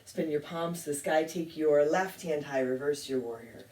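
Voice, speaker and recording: Woman calmly cueing a yoga flow. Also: sits low, moderate pace. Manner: calm cueing with light self-deprecating humor. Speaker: yoga teacher. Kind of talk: guided yoga class instruction. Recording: echoey room, mic at a distance.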